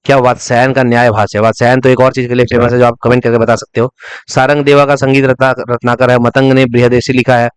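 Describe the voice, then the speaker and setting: A man rattles through a revision lecture at a quick clip. His voice is clear and crisp, and the recording is close and dry. He repeats key words as memory hooks and asks questions that he answers himself. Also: medium pitch, flat delivery, no echo. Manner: breaks into short sung snatches to illustrate. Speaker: exam-prep teacher.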